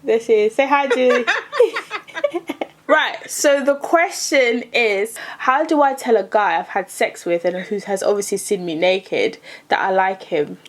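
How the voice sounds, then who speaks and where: A woman's voice: mid-range voice, unhurried, a little hiss or hum. A young woman in her twenties hosting a tipsy casual chat vlog, talking straight to camera in a chatty, playful way. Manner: chatty, playful, sings along to music. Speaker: vlog host.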